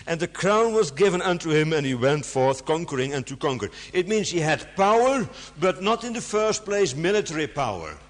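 A man preaching to an audience, stressing key words with sharp rises and sometimes pausing with fillers to find his words. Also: a little high, very animated. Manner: halting, searches for words with fillers. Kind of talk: sermon. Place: large hall before an audience. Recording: long hall reverb.

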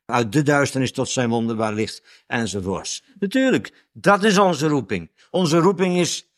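A man giving informal Bible teaching, chatting conversationally, tagging his points with questions, and slowing down to read scripture with emphasis. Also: medium pitch, lively intonation. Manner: reads scripture slowly with emphasis.

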